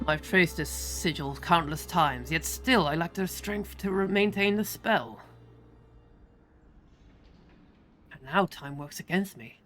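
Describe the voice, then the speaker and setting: A woman's voice: lowish voice, expressive, measured pace, fairly bright tone, faint music behind. A woman reading the lines of a bitter, earnest young male mage in a solemn, old-fashioned way. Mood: grave.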